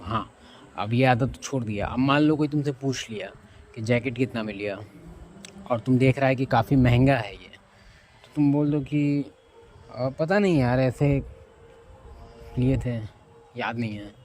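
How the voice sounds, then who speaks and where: A man's voice: mid-range voice, darkish tone, slight background noise. A man giving blunt, rambling casual advice from a rooftop outdoors, often losing track of his topic. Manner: rambling, loses track and asks himself what the topic was; blunt, addresses listener with informal tu. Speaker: self-help vlogger.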